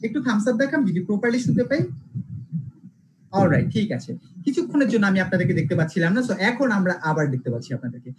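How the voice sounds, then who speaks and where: Casting note: Bengali-accented online teacher, animated pitch, repetitive and checking in, with a faint noise floor. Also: quick pace. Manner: repetitive, checks understanding with "alright?". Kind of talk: live online class, code-switching lecture.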